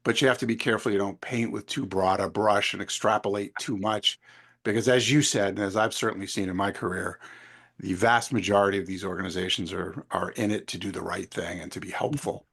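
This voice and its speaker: A man hosting a conversational interview, thinking aloud in a measured, discursive way. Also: fairly low pitch, steady tone, creaky, fairly bright tone, breathy edge. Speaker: podcast interviewer.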